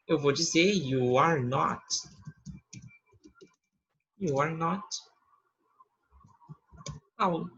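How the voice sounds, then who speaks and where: A man with a Brazilian Portuguese accent, explaining English grammar in a slow, patient lesson and checking often that students follow. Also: on the high side, pushed and bright, husky, muffled recording. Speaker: English teacher. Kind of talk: online class explanation.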